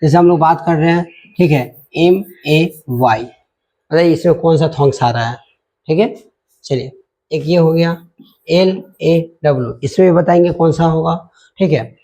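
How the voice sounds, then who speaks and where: Male grammar teacher, fairly high voice, mellow and dark, steady explaining tone. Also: normal speed. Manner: spells words letter by letter, repeats "ठीक है" often. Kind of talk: online grammar lesson.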